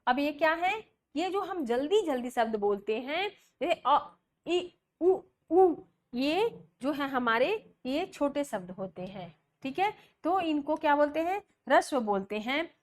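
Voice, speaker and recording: A woman's voice: sits high, very animated, measured pace, hardly any pauses. A woman teaching a grammar lesson, explaining step by step, posing questions and answering them herself, and spelling out sounds one by one. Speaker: Hindi teacher. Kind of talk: classroom lecture.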